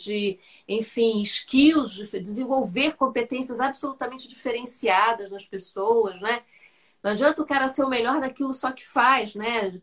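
A woman with a Brazilian Portuguese accent hosting a live-stream interview and sharing thoughtful, measured reflections in casual chat. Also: a little high, fairly bright tone. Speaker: host.

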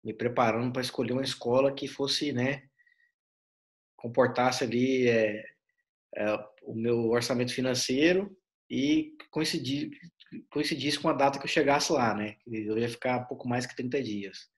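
A man's voice: mid-range voice, normal speed. A man hosting a casual interview, telling a rambling story full of fillers. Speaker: interview host.

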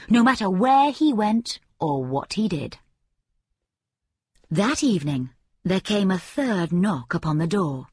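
A woman narrating a storybook tale in a slow, measured, expressive way. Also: medium pitch, breathy edge, dry recording.

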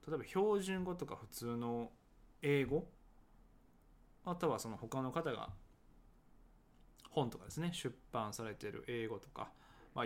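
A man who teaches English conversation talks casually about his book, hedging often and pausing with many fillers. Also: medium pitch, creaky. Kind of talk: casual solo talk promoting his book.

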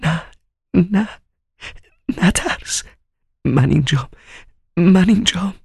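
A man's voice: medium pitch, vocal fry, warm tone, breathy edge, no room sound, clean studio sound, pitched above the performer's own voice. A man voicing a desperate young woman in love, who stammers and pleads through tears. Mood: tearful pleading. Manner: stammering, pleading, repeating herself.

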